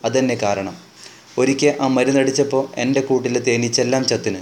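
A man's voice: mid-range voice, fairly even intonation, normal speed, a little mellow, a little hiss or hum, close to an everyday voice. A man doing an indignant young beekeeper. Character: lanky, hot-headed young beekeeper. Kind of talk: audiobook narration.

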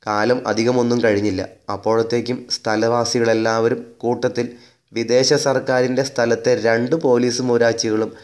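A man reading a story aloud in a measured, wry narrating manner. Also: mid-range voice, flat delivery, darkish tone.

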